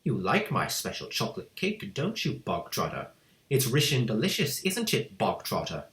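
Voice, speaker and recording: A man's voice: mid-range voice, big pitch swings, moderate pace, close to an everyday voice. A man voicing a cruel, furious headmistress who barks and screams insults at a pupil. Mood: falsely sweet. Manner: barking, shouting insults. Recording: echoey room.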